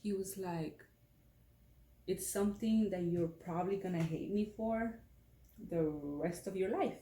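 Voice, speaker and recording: A young woman tells a story straight to camera in a loose, rambling way, full of fillers. Her voice sits low and mellow. The room around her is echoey. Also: unhurried. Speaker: beauty vlogger. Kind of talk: casual storytime vlog.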